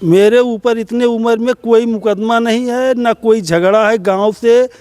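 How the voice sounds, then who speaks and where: A middle-aged man speaks in a high voice with a dark, mellow tone. He sounds tearful and pleading as he recounts his case. The recording is dry and close. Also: fairly even intonation, a little slow, no room sound. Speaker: complainant.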